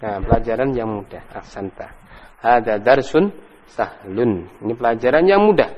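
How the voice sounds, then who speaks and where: A man's voice: mid-range voice, animated, normal speed, dull audio, slight background noise. A man teaching an Arabic grammar lesson, patiently correcting students and praising them often. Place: mosque study hall. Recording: long hall reverb.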